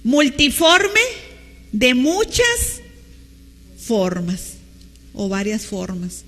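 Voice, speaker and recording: A woman's voice: on the high side, sing-song, extremely slow, fairly bright tone, in a large hall. A woman pastor with a Mexican Spanish accent, preaching a teacherly sermon and asking the congregation questions. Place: church hall with long reverb.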